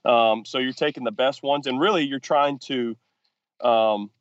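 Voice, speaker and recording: A man's voice: mid-range voice, measured pace, dry recording, muffled recording. A man who is a football offensive coordinator, explaining his work in a podcast interview, often restarting sentences with fillers. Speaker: football offensive coordinator and quarterbacks coach, guest.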